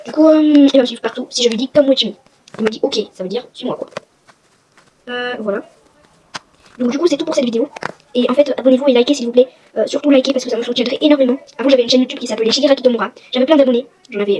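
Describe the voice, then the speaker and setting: A woman hosting a casual game walkthrough vlog, chatty and rambling, with self-mocking asides. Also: a little high. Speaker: gaming video host. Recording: noisy with clicking sounds.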